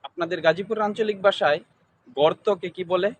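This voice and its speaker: High-voiced man asking questions. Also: fairly quick, dull audio, a little hiss or hum. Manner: repetitive, formulaic questioning. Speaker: interviewer. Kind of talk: interview questions.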